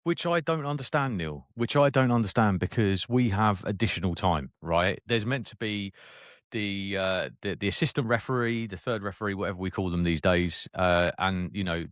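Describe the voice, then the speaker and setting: Deep-voiced man, laid-back football chat. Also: dry recording, studio quality. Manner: laid-back, teasing, measured. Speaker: podcast co-host.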